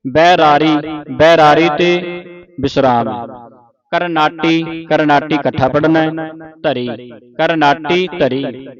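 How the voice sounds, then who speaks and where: A man teaching scripture pronunciation. He reads slowly word by word, then quickly explains how each word should be said. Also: a little high, steady tone, lo-fi sound, music in the background. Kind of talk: slow line-by-line recitation lesson.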